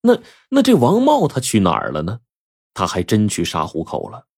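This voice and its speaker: A man telling a story in a lively, chatty way, with asides and rhetorical questions to the listener. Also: fairly low pitch, moderate pace, husky, no room sound, studio quality. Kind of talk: storytelling narration.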